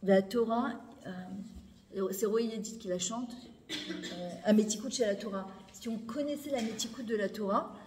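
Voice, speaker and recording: A middle-aged woman giving an animated, emphatic Torah lesson to a room of women, repeating phrases and mixing in Hebrew words. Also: medium pitch, a little slow. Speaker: Torah teacher. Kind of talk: spoken lesson to a women's audience. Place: lecture hall. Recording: echoey hall, faint background noise.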